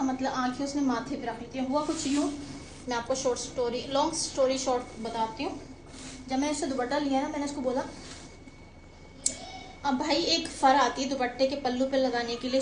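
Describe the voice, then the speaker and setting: A woman's voice: sits high, a bit bright, roomy sound, a little hiss or hum, poor audio. A woman vlogger with a Karachi Urdu accent chatting casually to camera, retelling a quarrel with a shopkeeper and acting out both sides of the dialogue. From Pakistan. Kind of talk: casual vlog storytelling.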